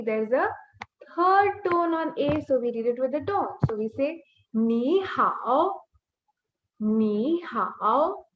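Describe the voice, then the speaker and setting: A woman teaching a beginners' online language class, explaining step by step and drawing out sample syllables to demonstrate. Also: high-pitched. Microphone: computer mic on a video call. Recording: dull, echoey webinar audio.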